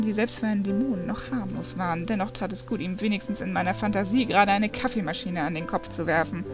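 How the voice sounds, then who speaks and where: A woman reading a fantasy novel aloud, narrating in the first person with steady, expressive storytelling. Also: mid-range voice. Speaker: reader.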